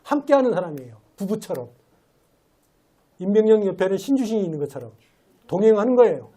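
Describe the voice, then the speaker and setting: A man's voice: high voice, very animated, fast, warm tone. A man giving a sermon as a lay preacher in a church, talking in a conversational way and asking rhetorical questions. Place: church sanctuary.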